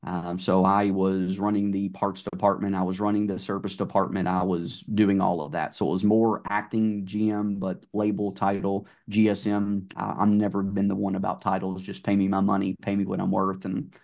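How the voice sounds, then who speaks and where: A middle-aged man with a Southern drawl speaks in a fairly low voice. He talks in a relaxed, storytelling way, with plenty of ums and you-knows. It sounds like a casual podcast conversation. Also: normal speed, vocal fry, few pauses, lo-fi sound. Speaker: guest, car sales manager.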